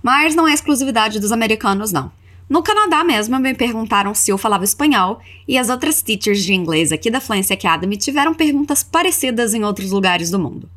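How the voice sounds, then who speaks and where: An English teacher with a lively, fairly high voice teaches Portuguese speakers. She explains things quickly but says her model phrases slowly and drawn out so learners can repeat them.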